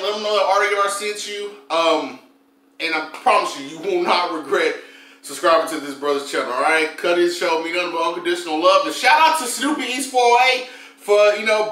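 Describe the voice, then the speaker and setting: A man hosting his food review channel, opening a mukbang with loud, slangy, hyped shout-outs. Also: high-pitched. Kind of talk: casual mukbang intro. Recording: echoey room, voice a bit far.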